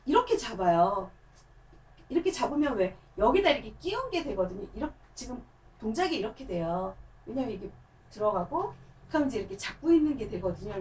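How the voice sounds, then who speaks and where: A woman's voice: high voice, recorded from a distance, a little hiss or hum, low-quality recording. A woman who performs in a hand-puppet theatre, chattily explaining and demonstrating puppet technique. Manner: chatty, lively, lots of demonstrative words.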